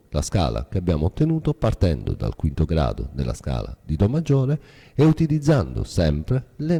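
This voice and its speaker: A man's voice: rumbling low, gravelly, dark tone, slightly rough, big-room sound. A man teaching music theory as a guitar teacher, explaining step by step in a patient, methodical way.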